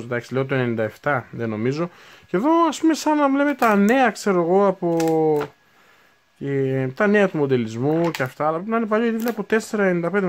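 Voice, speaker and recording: Chatty young man unboxing hobby gear. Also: fairly high pitch. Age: 20s. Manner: rambling, thinking aloud, self-correcting. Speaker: unboxing video host. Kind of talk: casual unboxing chat.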